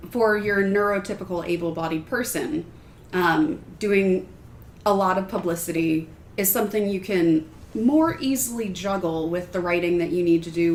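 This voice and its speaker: A woman speaking on a casual writers' panel, thoughtful and measured, pausing to pick her words. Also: lowish voice, slight background noise. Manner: thoughtful, measured, with pauses and fillers. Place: shared room around a table. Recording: roomy room sound.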